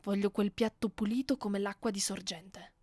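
This ASMR piece features a woman in the role of a seductive, imperious vampire mistress giving orders to her captive, her Italian accent soft and condescending. Lightly acted, her medium-pitched voice keeps fairly even intonation, moving slowly and teasingly into whispers, recorded up close on a studio mic without echo.

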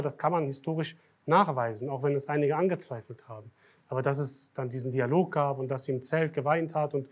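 A man giving a religious night lecture as a sheikh, swinging from quiet, low remarks to loud, emphatic declarations. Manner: grows loud and emphatic when making a point, drops low and soft at times. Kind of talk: Muharram night sermon. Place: lecture hall of a foundation.

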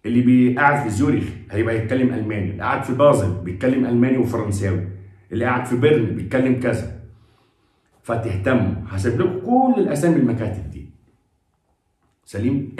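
Fast-talking Egyptian man in an echoey room. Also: mid-range voice, a little mellow. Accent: Egyptian Arabic. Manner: chatty and pleading, with frequent religious blessings. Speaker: vlogger giving job advice. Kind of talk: casual advice talk to camera.

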